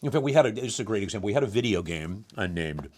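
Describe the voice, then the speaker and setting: Middle-aged male voice actor, animated storyteller, acts out quotes, laughs easily. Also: fairly low pitch, rapid-fire, a little hiss or hum. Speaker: voice actor guest. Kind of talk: relaxed interview storytelling.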